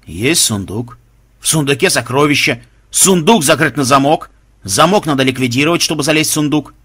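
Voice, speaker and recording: A man voicing a calm clever young woman. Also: on the high side, normal speed, slightly rough.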